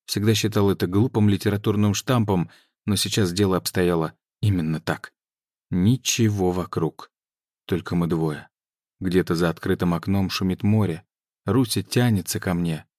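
A man reads an audiobook in a very deep, low voice, even and measured. The sound is dry and close to the mic. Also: dry recording. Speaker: audiobook narrator. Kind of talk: scripted narration.

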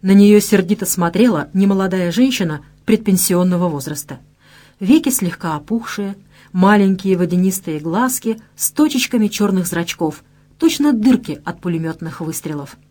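A woman narrates a detective audiobook from a script, telling the story expressively. Her voice is mid-range and she reads at a normal speed.

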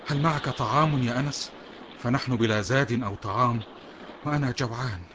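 A man's voice: mid-range voice, fairly quick, background noise, natural voice. A man playing an earnest, steadfast young devout soldier in a children's audio drama.

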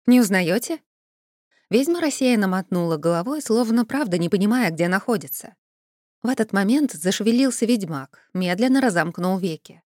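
Woman reading a fantasy novel out loud, lively, dry close studio sound. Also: mid-range voice, a little fast, dry recording. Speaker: audiobook reader. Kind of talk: first-person fantasy audiobook narration.

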